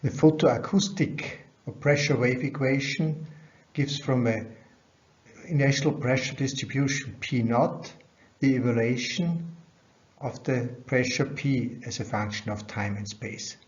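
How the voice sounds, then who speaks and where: The clip features a middle-aged conference researcher giving a dull science lecture over slides. He speaks in an unhurried way at medium pitch, captured on dull, band-limited webcam audio.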